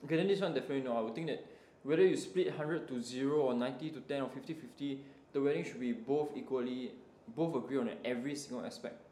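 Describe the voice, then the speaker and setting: A man's voice: medium pitch, fast, dark tone. A young Singaporean man chatting casually in colloquial Singlish, ending phrases with lah, lor and leh. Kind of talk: casual chat. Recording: roomy echo, light background noise.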